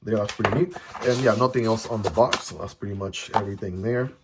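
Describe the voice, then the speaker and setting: With a noisy background behind him, a product reviewer speaks quickly in a lowish voice. A native Chinese speaker, he chats casually during the unboxing and often tacks on "right?". It was recorded with a phone camera.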